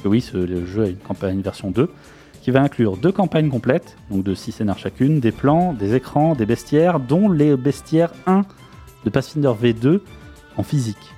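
A man co-hosting a radio show, reading role-playing game news in a relaxed, joking chat with fillers. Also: medium pitch, normal speed. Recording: radio studio with faint music behind.

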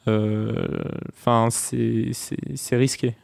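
A man's voice: mid-range voice, flat delivery, extremely slow, creaky, darkish tone, dry recording. A man from France on a discussion panel, speaking casually in a hesitant, tentative way.

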